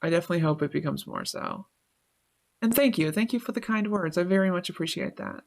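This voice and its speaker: This Twitch streamer talks fast in a fairly low, gravelly, slightly mellow voice with lively intonation. She chats loosely with her live-stream audience, reading their messages, thanking them and swearing a lot.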